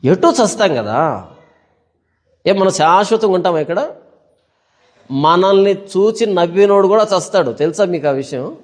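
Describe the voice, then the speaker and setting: Male pastor, high pitch, emphatic sermon delivery full of rhetorical questions, long reverb tail. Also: expressive, unhurried, long pauses.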